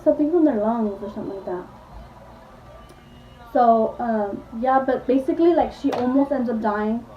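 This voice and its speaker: Chatty high-voiced woman retelling a movie. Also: far from the mic, a little hiss or hum. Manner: rambling, full of "like", acts out quotes. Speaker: beauty vlogger. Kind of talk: casual retelling of a movie plot. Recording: echoey room, voice from off-mic, dull sound.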